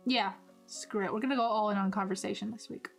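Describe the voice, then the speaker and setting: A woman's voice: medium pitch, steady tone, fast talker, gravelly. A woman streamer playing a text game, reading its narration aloud in a rambling, self-deprecating way. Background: soft background music.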